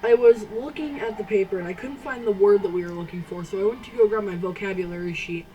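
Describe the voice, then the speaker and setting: A teenage girl telling a personal story to camera, halting, with many restarts and fillers. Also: medium pitch, mellow, distant mic, dull audio, slight background noise. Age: teens. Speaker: vlogger. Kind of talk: casual storytime.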